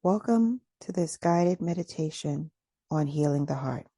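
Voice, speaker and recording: Guiding a soft, soothing meditation, a woman speaks in a low, husky, gravelly voice with lively intonation, slowly and deliberately with long, gentle pauses. The recording is close and dry, with very little room around her.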